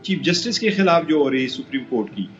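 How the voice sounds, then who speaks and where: A man's voice: fairly high pitch, animated, echoey room, highs cut off, soft background music. A male lawyer arguing as a guest on a live TV debate, insistent and repeating phrases as he makes his point.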